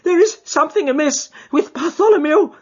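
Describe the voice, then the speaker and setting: A jittery, frightened gentleman who pleads in a high, quavering voice, as a male reader puts him on. The voice is husky and slightly dull, as in a lo-fi audiobook recording. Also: very animated, brisk, full character voice. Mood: terrified. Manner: high-pitched, tremulous and pleading. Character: frightened nervous middle-aged man.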